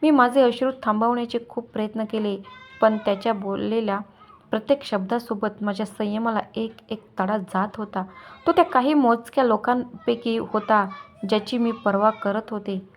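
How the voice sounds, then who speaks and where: A woman's voice: fairly high pitch, normal speed. A woman reading a first-person story aloud with emotion, as the channel's storyteller. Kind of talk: scripted story narration.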